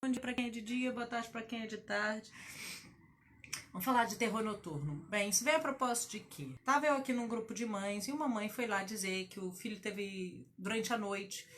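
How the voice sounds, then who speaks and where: A woman, a mother, chatting casually to camera in a parenting vlog, animated and repeating words for emphasis. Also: on the high side, moderate pace, a little hiss or hum. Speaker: mother vlogger.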